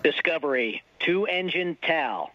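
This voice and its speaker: A man's voice: a little high, lively intonation, a little slow. A man calling out terse, clipped procedural commands as a mission control communicator over a crackly space radio transmission. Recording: muffled radio link with static.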